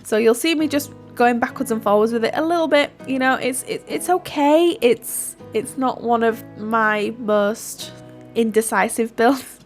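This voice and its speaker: A YouTuber narrates her Sims build in a casual voiceover, sounding stuffy from hay fever. Her voice is a little high and a little slow, and she giggles and pokes fun at herself while faint music plays behind.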